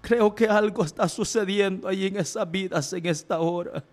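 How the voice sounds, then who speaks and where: A male preacher leads a fervent Pentecostal healing prayer, pleading and exclaiming with repeated cries of praise. His voice sits high and moves at a moderate pace, with music playing behind him.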